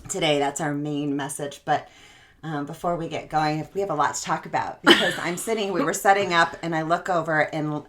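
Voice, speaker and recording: A woman's voice: sits low, fairly even intonation, a little fast, fairly bright tone. A woman co-hosting a podcast and working as a physical therapist, chatting casually and acting out her own reactions. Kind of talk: casual chat.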